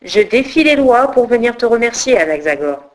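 A woman's voice: a little high, very animated, moderate pace, rough recording. A woman voicing an earnest, grateful young male philosopher visiting his old teacher.

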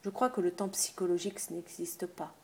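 Woman doing a quiet polite guy, formal and measured, lowish voice. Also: fairly even intonation, lightly acted. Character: calm reserved man, polite traveler.

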